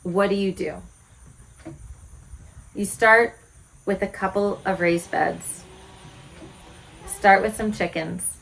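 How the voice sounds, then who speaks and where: A woman around forty speaks straight to her viewers in a candid, reflective way. Her voice sits at an ordinary middle pitch. She keeps asking pointed rhetorical questions in an earnest, frank manner. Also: fairly even intonation, takes it slowly, gravelly, pauses often, rough recording. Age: 40s. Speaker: homesteading vlogger. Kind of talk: reflective direct-to-camera talk.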